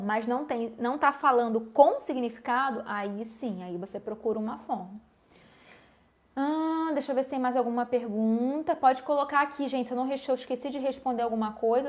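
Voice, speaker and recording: Brief: speech therapist, female, fairly high voice, patient live-stream Q&A explainer. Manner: explanatory, keeps checking in with listeners.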